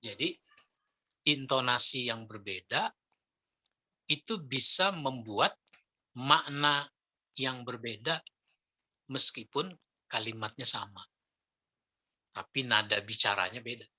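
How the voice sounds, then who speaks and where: A middle-aged man lecturing on preaching technique, lively and demonstrating intonation with spoken examples. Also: medium pitch, slow, long pauses. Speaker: Islamic preacher trainer.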